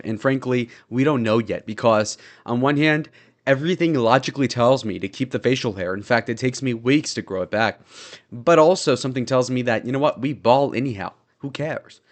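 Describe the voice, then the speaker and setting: A young man streaming, talking fast in a casual, rambling, sarcastic way as he reads chat comments. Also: mid-range voice. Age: young adult.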